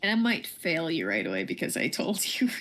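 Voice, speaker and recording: A woman co-hosts a game livestream, guiding the play while chatting casually and playfully. Her low voice has a sing-song lilt and a fairly bright tone, and she talks fairly quickly.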